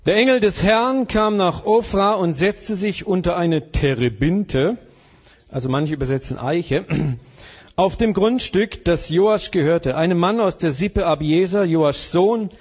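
High-voiced German preacher with humor. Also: male voice, expressive, measured pace, a little mellow, slightly rough, highs cut off. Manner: humorous, mixes German with English phrases. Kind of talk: sermon.

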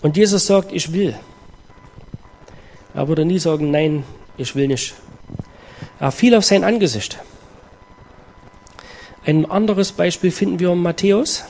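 A man preaching a sermon, reading scripture aloud and explaining it with earnest emphasis and dramatic pauses. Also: high-pitched, creaky, darkish tone, faint music behind.

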